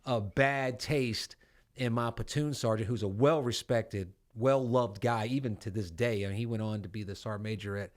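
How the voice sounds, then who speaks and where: A man's voice: on the low side, moderate pace. A man in his forties, a veteran podcast host, telling rambling, profane Army stories in casual chat. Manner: profane, rambling anecdotes with acted-out quotes.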